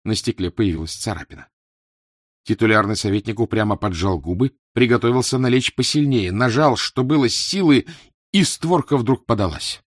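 A man narrating a literary novel in a measured, expressive way. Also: lowish voice, no echo, clean studio sound. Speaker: audiobook narrator.

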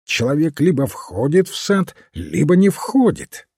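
A man's voice: on the high side, very animated, a little slow, warm tone, husky, no echo, studio quality, voice pushed up, heavily acted. A man voicing an irritable, strictly logical doctor who argues insistently and loses patience. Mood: exasperated. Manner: exasperated, insistent. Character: irritable, logical male doctor, impatient scholar.

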